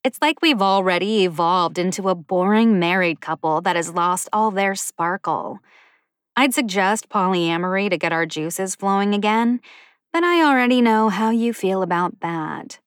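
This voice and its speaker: A bubbly young woman in her twenties, excited and pushy, her voice jumping higher and louder, as a woman reader puts her on. The recording is close and dry. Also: dry recording, lightly acted. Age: 20s. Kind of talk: audiobook character voice.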